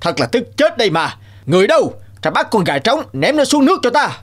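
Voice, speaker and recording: A man voicing a greedy, cruel old landlord in a cartoon, blustering and shouting. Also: extremely high pitch, sing-song, brisk, exaggerated voice. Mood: panicked. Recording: cartoon with music behind.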